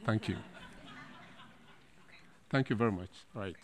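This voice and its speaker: A male moderator guiding a formal session, speaking slowly and deliberately. His voice is fairly low, and he adds a touch of dry humor as he hands over to the floor. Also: slight background noise. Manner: measured, deliberate, with light humor. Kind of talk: chairing a meeting.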